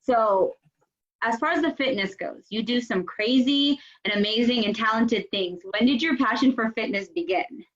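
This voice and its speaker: A woman's voice: on the high side, normal speed, a bit bright. A woman hosting an interview over a video call, chatty and upbeat as she introduces her guest. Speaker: host, company head. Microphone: video call microphone. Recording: dull lo-fi video call audio.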